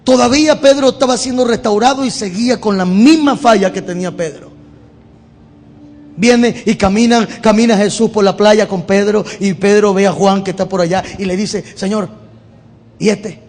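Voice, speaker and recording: A man's voice: sits high, moderate pace, a little mellow. A male pastor, giving a sermon in a conversational style that repeats words. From Venezuela. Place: church. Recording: long hall reverb in church.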